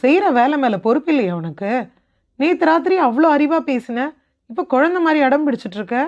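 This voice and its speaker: A woman's voice: high voice, animated, brisk, darkish tone, muffled recording, voice pushed up. A woman voicing a short-tempered young husband who scolds sharply and lectures. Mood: irritated.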